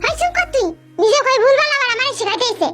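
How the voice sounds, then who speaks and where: A bossy, scolding cartoon mother, as a voice actor plays her, talking in a shrill, animated way. She nags her daughter without stopping. Loud children's music plays behind her. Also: fast talker.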